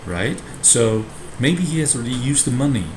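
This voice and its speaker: A man's voice: medium pitch, expressive, moderate pace. A man lecturing like a professor to students, explaining a play text and often adding short tag questions. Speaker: university lecturer teaching a Shakespeare class. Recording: roomy echo with clear background noise.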